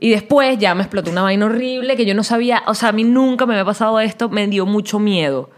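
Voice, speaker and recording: A woman's voice: mid-range voice, fast talker. A woman, co-hosting a podcast in casual chat, telling a story candidly with slang and frequent laughter. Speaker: podcast co-host.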